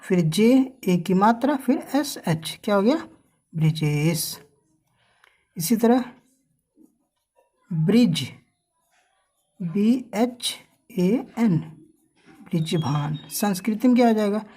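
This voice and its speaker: A woman's voice: mid-range voice, animated, warm tone, slightly rough. A woman teaching how to spell names, asking questions to the viewer and drawing out each letter. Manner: slow, drawn-out spelling with quiz questions to the viewer. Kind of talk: spelling lesson for learners.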